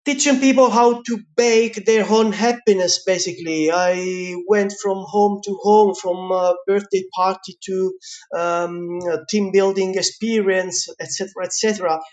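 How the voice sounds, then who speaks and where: A man with a light Italian accent tells his story as an interview guest, talking in a relaxed, chatty way. His speech is full of small fillers and restarts, and he laughs often between his thoughts. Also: high voice, a little slow. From Italy. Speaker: guest, pizza teacher.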